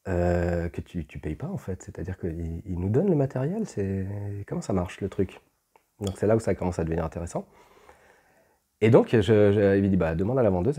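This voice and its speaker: A man's voice: sits low, warm tone, husky. A man telling a personal story at home in a casual, rambling way, with many fillers and restarts. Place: at home, with pets.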